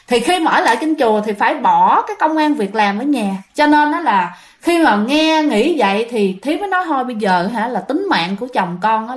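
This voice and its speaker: A woman with a Southern Vietnamese accent, casually retelling a ghost story and chatting directly to her listeners. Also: on the high side.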